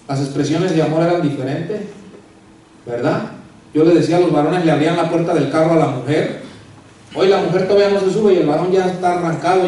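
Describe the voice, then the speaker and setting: A man's voice: a little high, warm tone. A male pastor preaching a sermon, calling the congregation brother and sisters and acting out quotes from a couple. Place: church sanctuary. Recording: echoey room, voice from far off.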